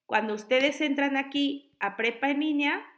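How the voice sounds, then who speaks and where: A woman, an online high school tutor patiently explaining spelling to her students. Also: moderate pace, a bit bright.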